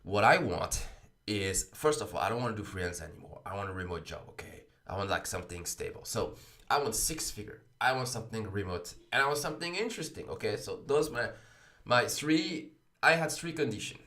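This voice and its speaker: A man's voice: lowish voice, expressive, a little fast, sharp tone. A man from France with a French accent, hosting a casual livestream while recovering from the flu, upbeat and chatty with his chat. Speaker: livestream host.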